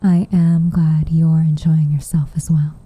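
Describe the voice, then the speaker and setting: For an ASMR roleplay, a woman plays a gentle witch with wistful, guarded tenderness and a gently teasing mood. Her lowish, very mellow, breathy voice often slips into a whisper, with soft, tender, measured, flat delivery in an intimate half-whisper. Recorded dry on a close microphone with no room sound, insects chirp behind her.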